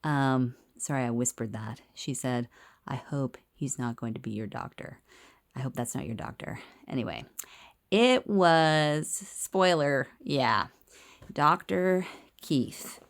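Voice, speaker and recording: A woman speaks into a handheld phone camera in a small clinic room, recording her video diary. Her voice sits very low and she takes her time, talking candidly with a wry edge and sometimes slipping into a whisper. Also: takes it slowly. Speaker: video diarist. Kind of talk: casual personal video diary.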